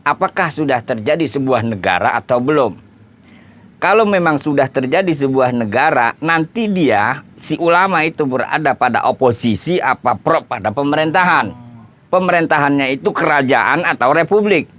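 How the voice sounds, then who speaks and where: Casual Indonesian preacher, chatty teaching tone. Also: male voice, a little high, expressive, moderate pace, fairly bright tone. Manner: conversational, explaining with everyday examples and repeated tag phrases. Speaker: Islamic preacher. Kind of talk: informal religious lecture.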